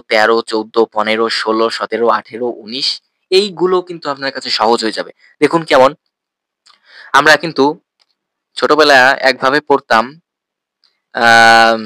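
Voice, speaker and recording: A man teaching a language lesson, with a bright, forceful tone and a mid-pitched voice. He is patient and says each word several times, slowly, for his learners. The recording is dry and close, with no room sound. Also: no echo. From Bangladesh.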